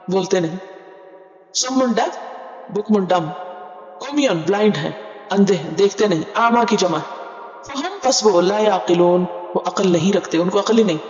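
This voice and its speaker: A woman's voice: mid-range voice, darkish tone. A woman Quran teacher works through a scripture passage word by word. She asks her listeners questions, answers them herself, and explains each term patiently with English glosses. The sound is dull and lo-fi, with a roomy hall echo trailing after her words. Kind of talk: word-by-word scripture tafseer lesson.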